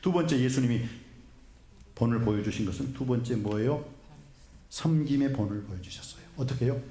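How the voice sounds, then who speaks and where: A man's voice: medium pitch, a little fast. A man as a pastor giving a sermon in a church and asking his congregation questions as he goes. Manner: animated, asks the congregation questions. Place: church sanctuary. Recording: echoey church hall with faint noise.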